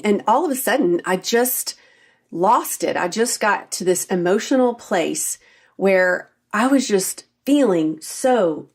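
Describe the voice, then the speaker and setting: A middle-aged woman hosting a solo podcast as a health coach, talking in an earnest, personal, confiding way. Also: medium pitch. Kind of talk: solo faith-based podcast talk.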